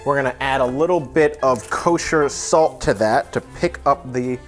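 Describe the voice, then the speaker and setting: A man's voice: medium pitch, normal speed, soft background music. A man hosting a comedy cooking video, chatting casually through the steps in a rambling, self-deprecating way with offhand asides. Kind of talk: casual cooking demonstration chat.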